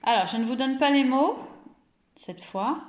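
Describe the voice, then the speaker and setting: A woman with a French accent teaches small children over a recording, drawing out every syllable at a very unhurried pace. She praises often and sounds like she is in a roomy, echoing space. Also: sits high, animated. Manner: slow, deliberate, stretches out words and syllables. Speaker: kindergarten teacher. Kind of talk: remote phonics lesson for young children.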